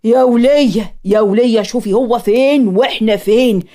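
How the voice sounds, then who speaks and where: A woman's voice: on the high side, moderate pace, warm tone, lightly acted. A woman with an Egyptian accent voicing a blunt, practical middle-aged father. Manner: gruff, blunt.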